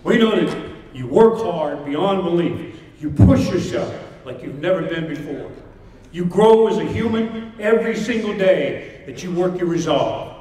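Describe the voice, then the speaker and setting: Speaking a little slowly in a warm, higher-pitched voice, an animated motivational speaker rallies fighters with emphatic, repetitive short phrases. The distant mic in the large echoey hall catches the crowd and a little hiss or hum.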